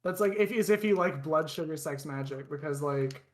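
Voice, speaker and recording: A young man co-hosts a casual podcast, telling stories as an animated storyteller in a rambling way full of restarts and fillers. His voice is a little high and he speaks at a normal speed.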